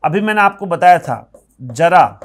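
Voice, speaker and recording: A man teaching grammar at a board, explaining patiently, repeating words slowly and asking the class for yes or no. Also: on the high side, big pitch swings. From India.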